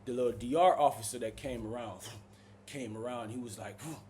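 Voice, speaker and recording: A man telling a prison story in a casual, animated, slangy way. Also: moderate pace, a little hiss or hum. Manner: animated, slangy, keeps saying "bro" and "boom".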